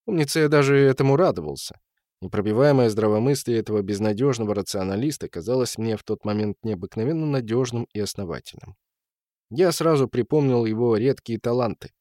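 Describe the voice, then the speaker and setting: A man narrating a story as an audiobook reader, in a measured storytelling manner. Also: medium pitch, mellow, no room sound, clean studio sound. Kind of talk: audiobook reading.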